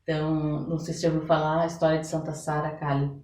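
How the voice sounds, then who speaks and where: This guest on a podcast is a Brazilian woman who is a therapist and oracle card reader. She speaks rapid-fire in a low, darkish, level-toned voice, explaining things conversationally and acting out little quotes, while the distant microphone picks up a roomy echo.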